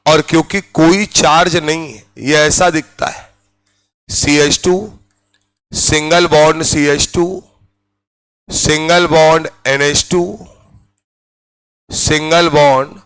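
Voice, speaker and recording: A man's voice: a little high, little pitch movement, slow, pauses often, a bit bright, smooth, low-quality recording. A man teaching a chemistry class in Hindi, drilling students with repeated check-in questions and spelling out each term. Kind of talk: classroom lecture.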